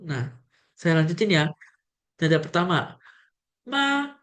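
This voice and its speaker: Young woman giving a mandarin lesson on video, lowish voice, friendly, talks right to the viewers. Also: lively intonation, moderate pace. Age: young adult. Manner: friendly, addresses viewers directly, demonstrates tones. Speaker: Mandarin language teacher.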